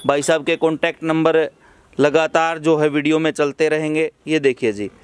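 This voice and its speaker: Host: man, fairly high smooth voice, outdoor farm walkthrough, repeats answers for viewers. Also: steady tone. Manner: brisk, repeats each answer back to viewers. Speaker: channel host touring a dairy farm. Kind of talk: on-site walkthrough interview. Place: outdoor buffalo farmyard.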